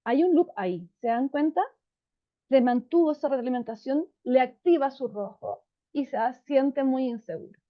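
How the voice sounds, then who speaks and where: A high-pitched woman talks parents through an explanation, warm and unhurried, often pausing to check that they follow. Her voice comes through a dull, slightly lo-fi recording. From Chile. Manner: warm, calm, unhurried tone with frequent checking questions. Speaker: psychologist. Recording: dull lo-fi sound.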